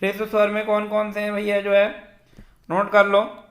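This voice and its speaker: A man teaching a Hindi grammar lecture for exam preparation, slowly reciting and drawing out vowels, with frequent fillers as he checks that students follow. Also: high-pitched, completely flat delivery, reverberant. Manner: slow, repetitive, fills with "ठीक है" and "जो है"; draws out vowels when reciting them.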